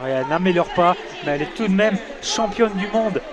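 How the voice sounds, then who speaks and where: A man co-commenting athletics live in audio description at a stadium, lively, calling out results and athlete lists. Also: high voice, fairly quick. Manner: lively, fluent summaries, shouts results. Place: outdoor stadium. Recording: stadium crowd behind commentary.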